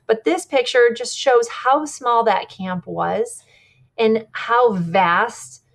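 A woman guide walks an audience through a slide presentation. Her delivery is conversational and unhurried, with the odd slip she stops to fix. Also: fairly high pitch. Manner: warm, conversational, with small slips and self-corrections. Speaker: polar expedition guide giving a presentation.

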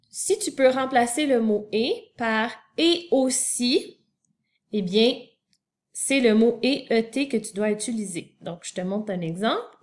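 A woman teacher giving a spelling lesson to young children, spelling words out letter by letter and talking directly to the child. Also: on the high side.

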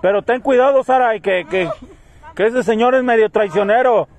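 A man calling out loudly during an outdoor night-time vlog. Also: extremely high pitch, moderate pace. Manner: loud, shouting remarks.

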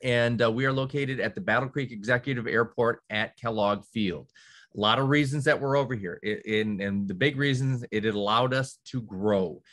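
A man's voice: mid-range voice, normal speed, fairly bright tone. A man representing a college, giving a conversational virtual presentation to counselors, with many fillers and restarts and the odd dry sarcastic aside. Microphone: video call.

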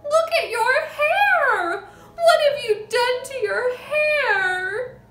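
A woman voicing a hysterical middle-aged mother, scornful and scolding in a shrill screech. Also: lively intonation, extremely slow, bright, forceful tone, roomy sound, soft background music, heavily acted. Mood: horrified shrieking. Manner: scolding, exclamatory.

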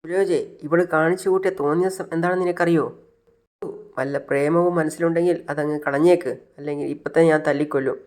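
A man's voice: on the high side, fairly even intonation, quick pace, a little mellow, natural voice. A man playing a stern, angry father who scolds his grown daughter, in a retold family serial. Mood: angry scolding.

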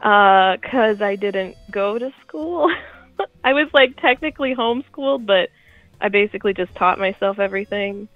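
A woman in her twenties calling in to a show, speaking in a nervous, giggly, soft-spoken way over dull, lo-fi call audio. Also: medium pitch, normal speed, no echo, faint music behind. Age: 20s. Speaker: caller. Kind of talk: phone-in conversation.

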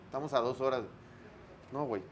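Mexican man telling animated stories. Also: mid-range voice, fairly quick, a little hiss or hum. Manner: animated anecdote-telling, frequent slang, acts out dialogue. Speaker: sports broadcaster, interview guest. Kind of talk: casual storytelling interview.

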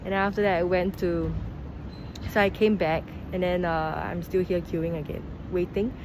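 A woman's voice: lowish voice, steady tone, moderate pace. Young woman from Singapore vlogging through a face mask. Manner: chatty and upbeat, talking to camera while walking and queuing. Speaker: travel vlogger. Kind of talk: casual travel vlog chat. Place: outdoors on city streets. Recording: noisy outdoor street recording. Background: street ambience and passing vehicles.

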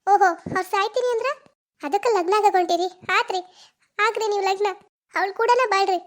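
A voice actor playing a betrayed young village woman with a North Karnataka Kannada accent in a cartoon, sobbing and pleading. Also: a little fast. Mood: sobbing accusation. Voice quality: very high, sobbing pleas. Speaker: lover. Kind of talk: cartoon voice acting.

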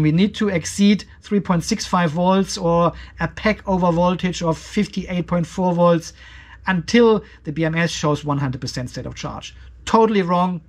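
Working from a spreadsheet, a high-voiced video host in his fifties who reviews off-grid tech explains a technical comparison. He moves through it step by step, offering his own views along the way.

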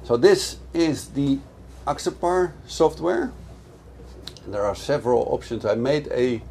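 A middle-aged man explains things eagerly, his voice sitting in an ordinary middle register. He is recorded aboard a moving motorboat. Loud engine and wind noise run under everything he says. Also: mid-range voice, animated, measured pace, creaky. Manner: enthusiastic, explanatory, speaks over engine noise. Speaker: boat dealer giving a product review. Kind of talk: casual product walkthrough. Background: boat engine and water noise.

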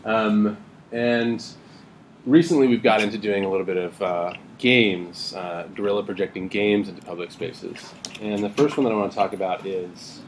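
A man's voice: lowish voice, a little hiss or hum. A man presenting his art projects at a conference panel, casual and loose, with many "um" and "uh" fillers and restarts. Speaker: panelist, new media artist. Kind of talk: conference talk presenting slides. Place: conference room.

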